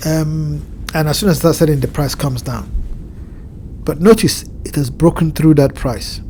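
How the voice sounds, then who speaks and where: This man's slightly nasal, stuffed-up voice is a little high and warm in tone, with some faint background noise. He's a crypto market analyst from the Southern Hemisphere, sharing his screen at home indoors one evening to walk through a chart. His explanations are measured, broken by frequent pauses as he searches for words.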